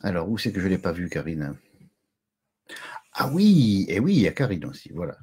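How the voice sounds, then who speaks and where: A man's voice: low-pitched, lively intonation, fast talker, darkish tone, breathy edge. A middle-aged man hosting a casual live stream from home, chatty and jokey, greeting viewers and chuckling often.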